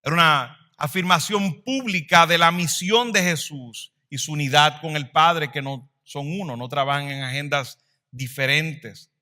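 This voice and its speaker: Male pastor mid-sermon; bright, pointed delivery, dynamic swells and quiet drops. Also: on the high side, measured pace. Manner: dynamic preaching, swells louder then drops to a hush.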